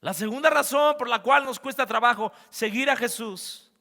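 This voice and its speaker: Brief: male pastor, high and bright, preaching in an animated way in a reverberant church hall. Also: normal speed. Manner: animated, swings between loud and hushed, talks straight to the congregation. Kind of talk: sermon. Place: church sanctuary.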